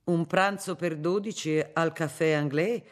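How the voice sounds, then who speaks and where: A reader voicing a weary, dignified woman cook who speaks with quiet gravity in a storybook reading. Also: mid-range voice, fairly even intonation, a little slow, lightly acted. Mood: grave, dignified.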